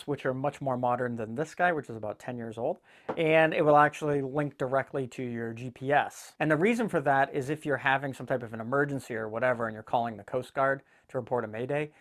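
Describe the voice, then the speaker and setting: Fairly bright and medium in pitch, this man's voice carries a casual boating DIY vlog filmed indoors in an office. Addressing viewers directly, he's folksy, blunt and irreverent, full of jokes and swearing.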